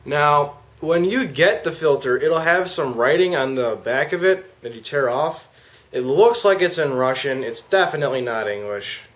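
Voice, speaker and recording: A man's voice: fairly high pitch, lively intonation, normal speed, fairly bright tone. A man giving a casual, slangy product demonstration as an amateur reviewer. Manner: informal, slangy. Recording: clear background noise.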